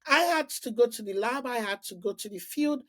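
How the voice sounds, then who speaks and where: In this casual podcast interview, a middle-aged woman from Nigeria recounts her story with animation, frequently restarting sentences and leaning on "like." She speaks at a moderate pace in a slightly high voice.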